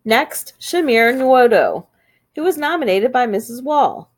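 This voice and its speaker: A woman reads the school's morning announcements over the speakers. Her voice sits fairly high and swoops up and down in a bright, sing-song lilt. Every line comes out upbeat and cheerful. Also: animated, measured pace.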